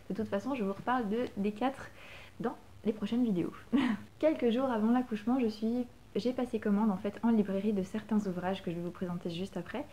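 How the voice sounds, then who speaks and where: A woman's voice: medium pitch, mellow, slight background noise. A young French woman and new mother talking casually about books she bought, with many fillers and restarts. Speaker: book vlogger. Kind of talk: casual book haul chat.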